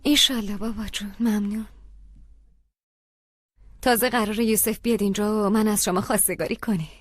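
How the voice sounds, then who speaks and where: A woman's voice: medium pitch, fairly even intonation, no echo, clean studio sound, lightly acted. An actress playing an earnest young woman who defends her engagement to her parents in a dubbed TV drama. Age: young adult. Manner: pleading and earnest. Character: young woman in love, defying her mother. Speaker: daughter.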